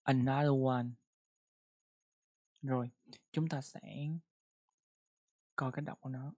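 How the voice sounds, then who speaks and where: An English pronunciation teacher in a casual online lesson, who repeats words and reads English example sentences slowly. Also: mid-range voice, steady tone, dark tone, slightly rough.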